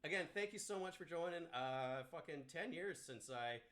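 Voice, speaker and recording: A man's voice: on the high side, animated, a bit bright. A man in his thirties, a few beers in, rambling through a stream sign-off with lots of fillers and restarts. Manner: halting, full of fillers and restarts, laughs often. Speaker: streamer and filmmaker.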